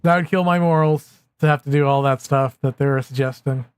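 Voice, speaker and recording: A man's voice: mid-range voice, fairly even intonation, a little fast, clean tone, dry recording, studio quality. A man in his thirties chatting casually on a livestream, rambling and sarcastic. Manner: rambling, self-mocking and sarcastic. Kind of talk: casual live-stream chat.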